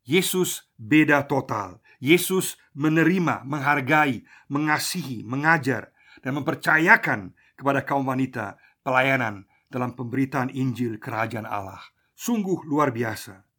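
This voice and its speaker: Pastor preaching a radio sermon. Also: male voice, medium pitch, bright, forceful tone, breathy edge. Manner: measured preaching, slows for emphasis, uses Papuan slang phrases.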